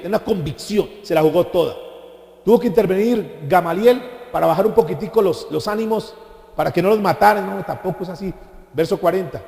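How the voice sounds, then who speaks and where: A pastor delivering a sermon, animated, asking his congregation questions and mimicking people. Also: on the high side, gravelly. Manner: animated preaching with rhetorical questions and mocking impressions. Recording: echoey hall.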